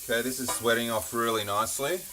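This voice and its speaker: A man's voice: medium pitch, steady tone, quick pace. A man hosting a cooking show, casually talking through each step as he cooks, in a noisy kitchen recording. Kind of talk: casual cooking demonstration narration. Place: indoor kitchen at the stove. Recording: noisy kitchen with sizzling and clicks. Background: frying sizzle, stirring, clicks.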